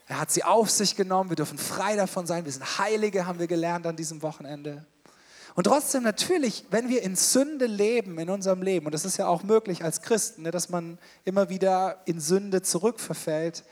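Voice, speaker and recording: Male pastor, middle-aged, higher voice; lively, casual preaching that speaks directly to the flock. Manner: colloquial, direct address to the congregation. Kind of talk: sermon.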